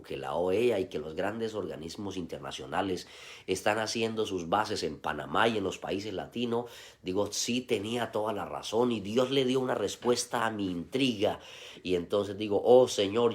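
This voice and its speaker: Brief: middle-aged Colombian male pastor, lowish voice, fervent sermon delivery. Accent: Colombian Spanish. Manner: impassioned preaching with shifting emphasis.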